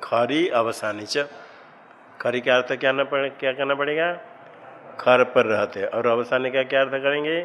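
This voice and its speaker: A man's voice: mid-range voice, moderate pace, fairly bright tone, a little hiss or hum, poor audio. A man teaching a Sanskrit grammar class. He keeps quizzing his students and then recites the rules himself. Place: ashram classroom.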